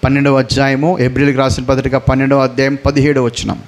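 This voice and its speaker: A man preaching as a pastor, telling a Bible story with lively rhetorical questions and acting out the characters' lines. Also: medium pitch, quick pace. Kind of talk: sermon.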